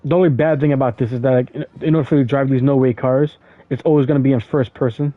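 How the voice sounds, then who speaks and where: A man's voice: mid-range voice, fairly even intonation, fast talker, dry recording. A man giving casual gameplay commentary as he plays, rambling with lots of fillers and stammered restarts. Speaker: gaming streamer. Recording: dry tinny phone-like audio.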